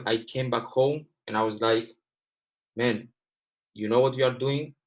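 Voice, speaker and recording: In this low-quality recording, a Greek-speaking Cypriot man in his twenties talks at a medium pitch as a guest trader on a livestream. He's casual and earnest, repeating himself and calling his viewers "guys."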